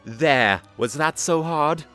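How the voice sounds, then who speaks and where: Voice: mid-range voice, slow pace, fairly bright tone. An actor playing a cocky, flippant, manic male adventurer pony in a theatrical, teasing way. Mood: mock-hurt, breezy. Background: music.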